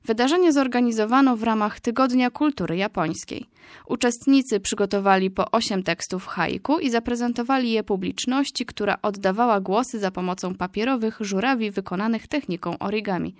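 Lady reading radio news, steady and formal, dead dry studio sound. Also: on the high side, dry recording. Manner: measured, formal delivery.

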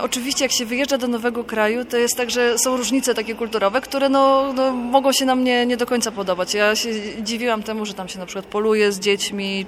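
A woman from Poland, a guest author, answering interview questions in a thoughtful, explanatory and unhurried way. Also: a little high, slight background noise.

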